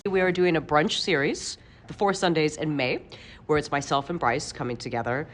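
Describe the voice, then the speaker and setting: A woman chef talking playfully and warmly about a brunch series with her partner. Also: low-pitched, moderate pace, slight background noise. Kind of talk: casual interview answers.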